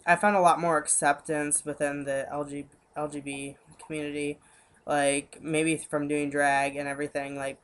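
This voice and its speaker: A man's voice: on the high side, a bit bright, smooth. A young man records a casual vlog into his webcam at home, his voice congested and stuffy from a cold. He speaks earnestly and personally, stopping and restarting often with lots of "like" and "um" as he gathers his thoughts. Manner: hesitant, halting, full of "like" and "um".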